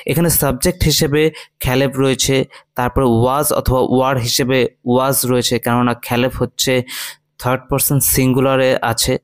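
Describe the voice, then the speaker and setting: A man teaching English line by line in Bengali, reading English slowly and often checking "ঠিক আছে?". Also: mid-range voice, flat delivery, smooth, dry recording. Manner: reads English phrases slowly, then explains in Bengali.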